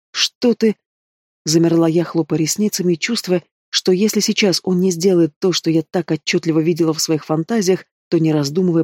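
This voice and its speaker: A man reading a fantasy romance audiobook in first person, in an even, expressive way. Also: a little high, no room sound, clean studio sound. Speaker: audiobook reader. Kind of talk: first-person novel narration.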